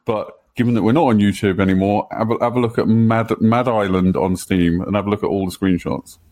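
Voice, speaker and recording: A man's voice: on the low side, fairly even intonation, fairly quick, a little mellow. A man co-hosting a casual podcast chat, blunt and opinionated, swearing freely. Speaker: podcast co-host.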